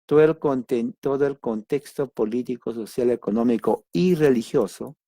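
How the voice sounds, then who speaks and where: Guy teaching a bible study, laid-back warm voice, chatty, keeps checking in with the listeners, dry close sound. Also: medium pitch, moderate pace, no room sound. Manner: conversational, addresses listeners directly with frequent "ok"; emphatic asides and sudden exclamations.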